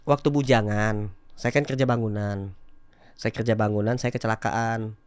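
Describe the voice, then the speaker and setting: A man, telling his personal story candidly as a podcast guest and growing loud and emphatic at times. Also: fairly low pitch, normal speed, smooth, no echo. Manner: animated, rising to loud emphatic bursts.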